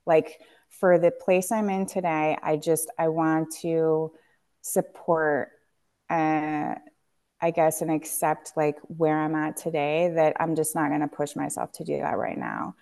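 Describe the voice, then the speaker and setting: A woman's voice: low voice, steady tone, unhurried, creaky, a little mellow. A woman, a company founder, speaking candidly and reflectively on a podcast, with frequent fillers and restarts. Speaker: guest, tea company founder.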